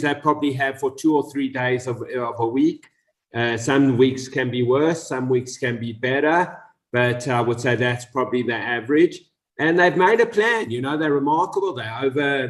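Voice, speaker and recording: A man co-hosting a casual panel chat, easygoing and self-deprecating. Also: mid-range voice. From South Africa. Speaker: co-host.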